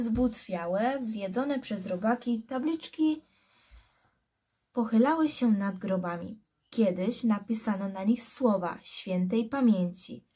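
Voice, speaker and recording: A woman reading a novel aloud as a scout, in slow, hushed storytelling. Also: medium pitch, slightly rough. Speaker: scout reader.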